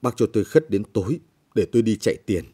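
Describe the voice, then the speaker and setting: A man's voice: lowish voice, expressive, fast, mellow, breathy edge. A man voicing a frightened peasant widow who pleads anxiously. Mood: pleading.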